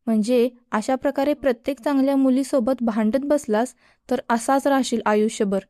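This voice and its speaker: A woman's voice: sits high, fairly even intonation, moderate pace, dark tone, dry recording, studio quality, natural voice. A woman voicing a cheeky teenage boy who teases his older brother and boasts. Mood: teasing. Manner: teasing and boastful.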